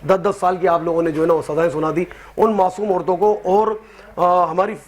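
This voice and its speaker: Man, party guest, argumentative, rhetorical questions, high voice. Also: steady tone, moderate pace. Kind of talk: heated political debate.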